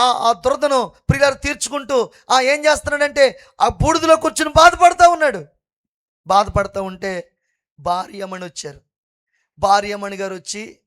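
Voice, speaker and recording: High-pitched fervent man preaching. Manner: fervent preaching, repeatedly urging the congregation to praise loudly. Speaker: pastor. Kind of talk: sermon. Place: church at an all-night prayer meeting.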